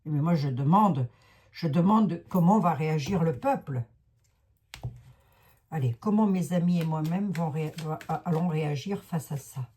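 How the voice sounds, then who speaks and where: A woman's voice: sits low, unhurried, mellow, husky. A woman with a Lorraine accent reading tarot cards in a chatty, self-mocking way, talking to her viewers. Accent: Lorraine French. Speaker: psychic card reader. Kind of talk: casual card-reading livestream.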